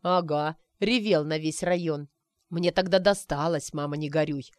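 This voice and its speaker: A man's voice: a little high, normal speed, clear, resonant tone, no room sound, clean studio sound, close to an everyday voice. A woman voicing a cocky young man who teases a friend by pretending to be a wizard, in a playful, mock-mystical way. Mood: teasing.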